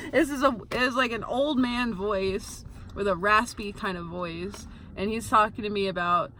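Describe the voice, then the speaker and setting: A young woman with a bright, forceful voice, chatting casually into the camera for her vlog. She tells her story with little giggles between phrases, over a faint hum of background noise. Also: medium pitch. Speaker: vlogger. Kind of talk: casual chat.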